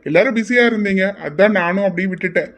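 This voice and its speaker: A performer voicing a quiet, reserved young man in an amateur audio drama, answering in short, evasive lines. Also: mid-range voice, close to an everyday voice. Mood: curt. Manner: curt and evasive, unhurried.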